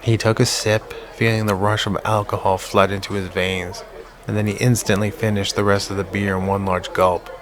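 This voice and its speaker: A man narrating a psychological horror audiobook in a measured, slow-burn way. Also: on the low side, level tone, a crowd in the background.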